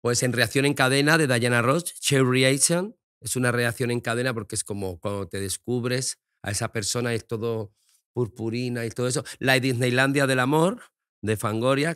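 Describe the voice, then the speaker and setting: A man's voice: medium pitch, fairly even intonation, a little fast, fairly bright tone, no echo, studio quality. A middle-aged man, a guest in a casual interview chat, talking frankly and expressively and swearing freely.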